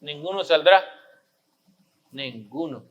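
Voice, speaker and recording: High-voiced man preaching slowly. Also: a bit bright. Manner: preaching with rhetorical questions, emphatic repetition. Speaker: pastor. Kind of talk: sermon.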